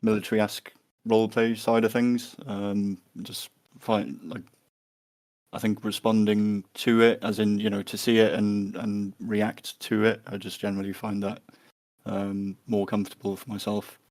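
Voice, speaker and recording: A man's voice: lowish voice, flat delivery, normal speed, darkish tone. A man answering interview questions in a hesitant way, with many fillers and restarts. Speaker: guest.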